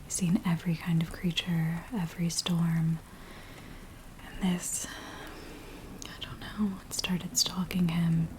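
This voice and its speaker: Steady rain patters in the background as a woman whispers in a breathy ASMR roleplay, her lowish voice grave and haunted. She plays a scared villager begging a werewolf tracker for help, telling her story slowly in a hushed, faltering way.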